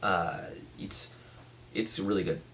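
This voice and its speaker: Low voiced guy doing a rambly casual review, keeps stopping and restarting, bit of noise behind him. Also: fairly even intonation, a bit bright. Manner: halting, with many restarts and trailing thoughts. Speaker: pipe tobacco reviewer.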